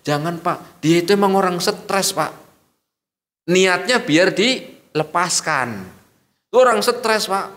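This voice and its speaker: A man's voice: sits high, slow, long pauses, fairly bright tone, voice pushed up. Man doing a pleading village neighbor. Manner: urgent, pleading. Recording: reverberant hall.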